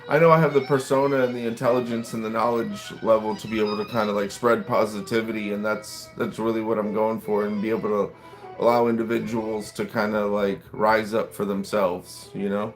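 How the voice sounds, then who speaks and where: Speaking briskly in a lowish, flat voice, this late-thirties American man rambles casually to his livestream audience as he waits on a restaurant meal, replying to what they type. Classical music plays faintly behind him.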